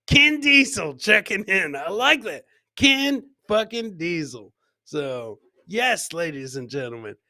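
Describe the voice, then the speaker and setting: This middle-aged podcast host and comedian has a high, very animated voice, speaks slowly, and sounds sharp. He banters with his livestream chat, repeats his phrases, and swears casually, captured dry and close on a boom-arm microphone with a headset.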